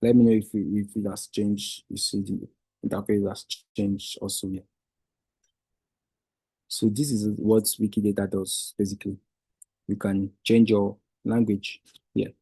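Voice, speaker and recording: A Wikidata trainer, a man whose native language is Igbo, patiently guides viewers step by step through a screen-share tutorial, often restarting his sentences. His lowish, dark, slightly rough voice barely shifts in pitch, and he speaks a little slowly with frequent pauses. The recording is rough, with no room sound.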